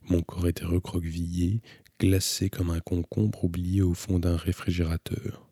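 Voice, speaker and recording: A man calmly reading a novel aloud as an audiobook narrator, in a measured, introspective way. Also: low voice, dry recording, studio quality.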